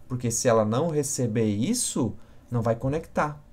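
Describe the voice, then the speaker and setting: A man's voice: medium pitch, normal speed, darkish tone. A man teaching on a live stream, answering viewers by name and checking in often with short questions. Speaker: communication instructor.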